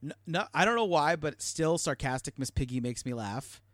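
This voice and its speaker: Enthusiastic man, slightly high voice. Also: animated, moderate pace, no echo, studio quality. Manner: enthusiastic, laughs while talking. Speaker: podcast co-host. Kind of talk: casual podcast chat.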